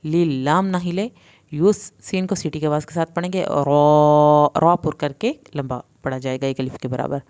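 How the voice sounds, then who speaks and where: Patient woman teaching slow recitation. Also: low-pitched, steady tone, darkish tone, clean tone. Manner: patient, step-by-step explaining, drawn-out recitation. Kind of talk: tajweed lesson with slow recitation.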